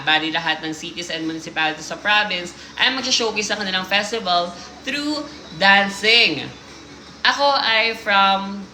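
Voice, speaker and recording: Woman host reading listener stories on a stream, bright voice, playful and teasing; roomy echo. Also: mid-range voice, a little hiss or hum. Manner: playful, teasing asides while reading aloud. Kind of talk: casual livestream chat.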